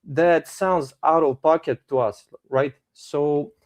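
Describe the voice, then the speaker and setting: Polite young Bosnian-accented caller. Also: male voice, a little high, fairly even intonation, takes it slowly. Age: 20s. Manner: hesitant, polite, full of uh fillers. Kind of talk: debate call-in.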